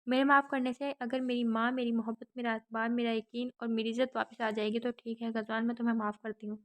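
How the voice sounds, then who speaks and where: A woman's voice: fairly high pitch, flat delivery, a bit bright, lightly acted. Brief: stern young wife, read by a woman, cold and hurt, audiobook novel.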